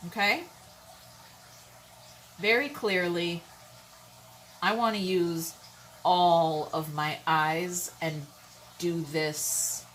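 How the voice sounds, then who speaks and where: Drawing out her words and leaving long pauses, a woman with a lowish, fairly bright voice delivers a casual tarot reading over poor audio with a little hiss or hum. She's chatty and blunt, often checking in with "okay?" and "all right?"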